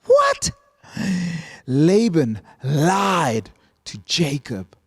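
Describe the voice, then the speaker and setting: A man with a fairly high voice teaches children through storytelling. He is slow and emphatic, with lively swings in pitch, and the sound rings as in a hall. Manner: simple, emphatic, repeating key phrases.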